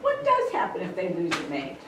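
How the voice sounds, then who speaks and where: A woman's voice: fairly low pitch, wildly swooping pitch, a little fast. Hesitant woman, very echoey room. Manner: hesitant, rambling phrasing. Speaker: audience member asking questions. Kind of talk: casual question. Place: library meeting room. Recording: very echoey room, distant mic, faint hiss.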